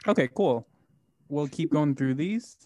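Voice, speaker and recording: A man's voice: a little high, animated, a little slow, mellow, no echo. A man chats on a group video call with his home mic distorted. The sound warbles as if he were talking into a fan. He keeps the game moving in an upbeat, casual way. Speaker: club host reading out answers. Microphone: home computer mic, audio interface unplugged.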